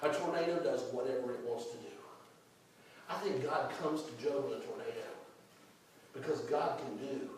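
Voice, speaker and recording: A man preaching a sermon as a pastor, folksy and repetitive, swinging between loud and soft. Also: fairly high pitch, a little hiss or hum. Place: church sanctuary. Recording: echoey church recorded from far off.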